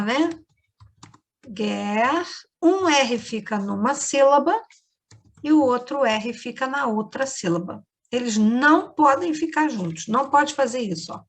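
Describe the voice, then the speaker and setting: In a remote class for kids, a female teacher with a Brazilian Portuguese accent patiently explains each step. Her pitch is fairly high and her tone a bit bright.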